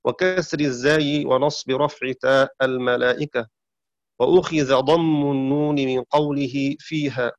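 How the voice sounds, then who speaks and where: A man giving a methodical scholarly lesson on Quranic readings, slowing down to chant the verses he explains. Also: fairly high pitch, dry recording. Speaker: Quran recitation teacher. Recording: dry, dull lo-fi recording.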